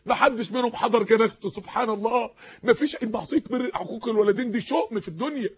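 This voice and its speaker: Emotional male preacher with an Egyptian accent; very high, husky voice, impassioned, dull lo-fi recording. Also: very fast. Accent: Egyptian Arabic. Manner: emotional, impassioned, rising to shouts. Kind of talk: impassioned sermon.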